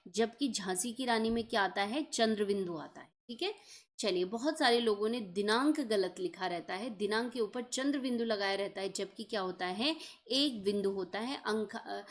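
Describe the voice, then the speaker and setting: A woman teaching an exam-prep lesson, explaining each point step by step and checking in often. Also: on the high side.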